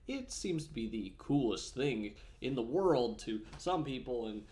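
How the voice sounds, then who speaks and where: Male gaming vlogger, casual and meandering, pitch swings a lot, chews almonds between thoughts. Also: expressive, unhurried, darkish tone. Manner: chatty, meandering, with frequent fillers and self-corrections; snacks on almonds while talking. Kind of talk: casual rambling vlog talk.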